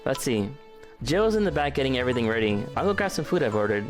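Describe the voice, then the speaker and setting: A man's voice: medium pitch, very animated, fast, faint music behind. A man hosting a gaming video, reading a visual novel aloud in an earnest, emotional way.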